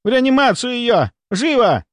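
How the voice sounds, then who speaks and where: A man's voice: very high voice, sing-song, normal speed, dry recording, studio quality, voice pushed up. A man doing a stern sergeant-like head nurse. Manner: sergeant-like, sharp commands. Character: stern female head nurse around forty.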